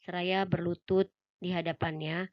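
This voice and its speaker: A woman reading an audiobook aloud in a calm, even way, with a few small slips. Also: fairly low pitch, moderate pace, dry recording, highs cut off. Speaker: audiobook reader. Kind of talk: audiobook narration.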